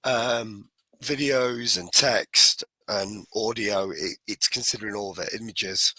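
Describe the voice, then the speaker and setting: A man with a croaky voice, hoarse from a cold, chatting casually as a podcast co-host and explaining things in a halting, self-correcting way. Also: lowish voice, bright, forceful tone, no room sound, poor audio.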